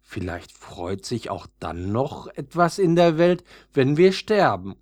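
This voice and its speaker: A thoughtful old violet in a storybook, as a male narrator puts it on, doubting and gentle. It muses in a soft, unhurried way with a lively, rising melody. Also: medium pitch, voice pushed up. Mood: musing. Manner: hesitant, musing, soft.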